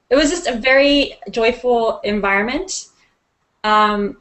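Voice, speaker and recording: A woman's voice: mid-range voice, fairly bright tone. A woman from Mexico, a guest in an interview, telling her personal story in an earnest, reflective way with frequent ums.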